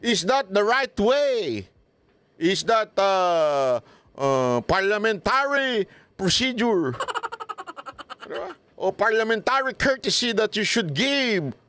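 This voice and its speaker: A man's voice: sits high, very animated, slow, a bit bright, a little hiss or hum. A man giving casual political commentary, mocking and laughing often, throwing rhetorical questions at his viewers.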